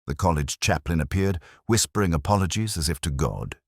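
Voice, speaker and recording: A man acts out a weary police inspector with an extremely low, expressive voice. He narrates a detective audio drama in measured, literary phrases, wry and melancholy. The sound is close and dry, with very little room on it. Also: creaky, no room sound, exaggerated voice. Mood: brooding, reflective. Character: weary, reflective male police inspector narrating his case.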